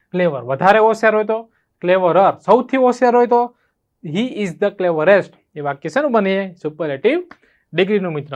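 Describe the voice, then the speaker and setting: A man's voice: high-pitched, dull audio. A man teaching spoken English with a Gujarati accent, explaining grammar and constantly checking whether students have understood. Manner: asks students rhetorical check questions.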